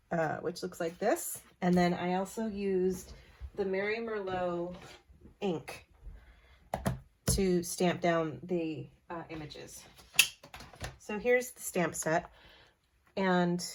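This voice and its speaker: A woman with a fairly low voice walks through a craft tutorial in a casual, chatty way. She corrects herself now and then and keeps things friendly. Faint background noise sits under the recording. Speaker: card-making tutorial host.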